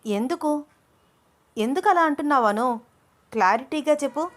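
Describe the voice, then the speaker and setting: A woman's voice: sits high, expressive, moderate pace, fairly bright tone, voice pushed up. A woman voicing an earnest young man in love. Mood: exasperated. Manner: pleading, insistent. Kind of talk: audio story character voice.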